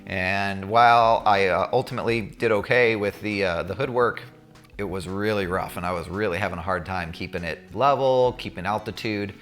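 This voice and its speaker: Recounting his checkride, a student pilot speaks conversationally and openly to viewers in a casual storytelling style. His voice is low and deep with a slightly bright edge, and he keeps a moderate pace. Faint music sits in the background.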